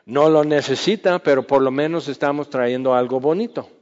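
A man preaching a sermon in a conversational way, acting out quoted voices and sometimes dropping to a hush. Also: medium pitch, normal speed. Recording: dull sound with long hall reverb.

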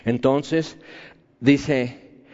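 A man's voice: medium pitch, steady tone, extremely slow, a little mellow. A man preaching a sermon in a conversational, argumentative way, full of rhetorical questions. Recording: echoey hall, dull lo-fi sound.

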